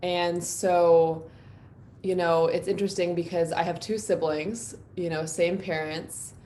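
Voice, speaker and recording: Unhurried and dark-toned, a woman's voice on the low side keeps a fairly even intonation over a little hiss or hum. She's a guest musician from New York City giving a reflective, personal live-stream interview with frequent ums and likes.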